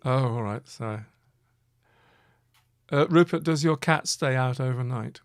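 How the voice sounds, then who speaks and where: A man's voice: mid-range voice, a little slow, no echo, studio quality. A man co-hosting a casual live question-and-answer chat, talking hesitantly with many fillers and restarts. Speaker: co-host.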